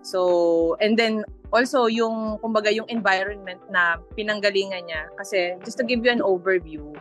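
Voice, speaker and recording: A woman's voice: medium pitch, moderate pace, soft background music. Filipino woman mixing Tagalog and English. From Philippines. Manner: mixes Tagalog and English in the same sentences (Taglish). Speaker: podcast guest. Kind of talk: conversational interview answers.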